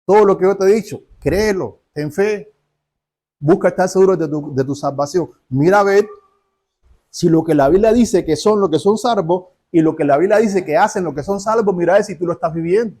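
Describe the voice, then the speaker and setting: A man's voice: sits high, brisk, dark tone. A man preaching a sermon, asking rhetorical questions and acting out little dialogues.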